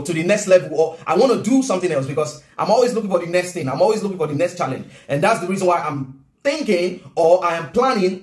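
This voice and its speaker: A man in his thirties with a Nigerian accent, talking casually and earnestly to camera from his home kitchen. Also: high voice. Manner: animated, gestures a lot, earnest. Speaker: vlogger and business coach. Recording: roomy room echo.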